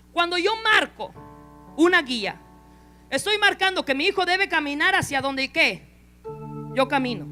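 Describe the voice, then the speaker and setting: A man's voice: very high-pitched, pushed and bright. A man preaching a sermon, emphatic and repeating key phrases, leaving sentences open for the congregation to finish. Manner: call-and-response, leaves sentences open for the congregation. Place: church.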